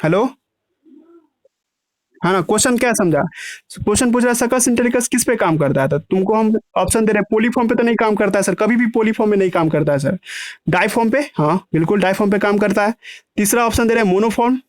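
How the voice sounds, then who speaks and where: Man, biology teacher, online class, high voice, repetitive checking questions, slow drawn-out terms. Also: no echo, clean studio sound. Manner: repetitive, keeps asking "है ना"; breaks terms into slow emphatic chunks.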